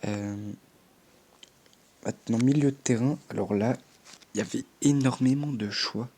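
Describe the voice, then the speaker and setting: A man's voice: medium pitch, a little slow, dark tone. A young man chatting casually as a gaming YouTuber, commenting on his game with offhand swearing and little sound effects.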